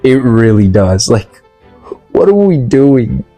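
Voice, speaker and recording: A man reviewing movies goes on a casual, opinionated rant, exasperated and emphatic, with lots of repeated rhetorical questions. His medium-pitched voice is dark in tone and sing-song, his pace slow, with no echo and soft music in the background.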